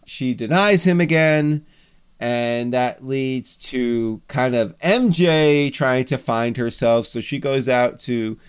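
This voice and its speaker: Male podcast co-host, mid-pitched and smooth, loose rambling chat. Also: takes it slowly. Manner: rambling, jokey, many fillers. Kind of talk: casual comics podcast chat.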